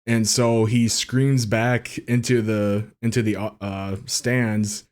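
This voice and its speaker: Man, casual podcast chat, swears a lot, animated, somewhat low voice. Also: slow. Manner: swears freely, animated storytelling. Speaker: podcast co-host.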